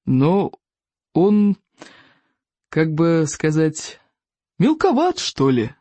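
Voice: medium pitch, big pitch swings, very slow, warm tone, no echo, exaggerated voice. A narrator voicing a big, commanding Viking chief and father who roars his orders, in an audiobook reading. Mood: gruff puzzled. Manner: roaring, commanding. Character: huge bellowing Viking chief father, middle-aged man.

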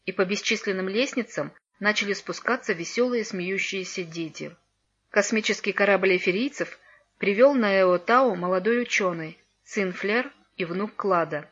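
A woman reads a fairy tale aloud, calm and even, at a middling pitch. Her narration comes through a dull, lo-fi recording. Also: moderate pace, breathy edge. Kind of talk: storybook reading.

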